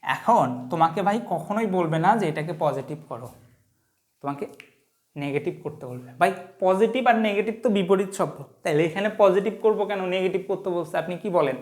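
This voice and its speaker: A woman English teacher with a Bangladeshi Bengali accent, mixing English words into her talk. She explains grammar step by step, asks quick check questions and drags out example sentences word by word. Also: fairly low pitch, a little mellow. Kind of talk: online grammar lesson.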